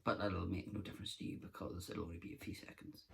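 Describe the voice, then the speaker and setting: A man hosting a collector vlog rambles casually through his books in a show-and-tell style, full of fillers and restarts. His low voice is flat, fast and creaky, and the recording is very noisy.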